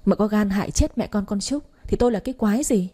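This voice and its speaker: A woman reading the part of a sharp-tongued pregnant young woman who talks in a mocking, cutting way. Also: medium pitch, fast talker, close to an everyday voice. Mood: scornful.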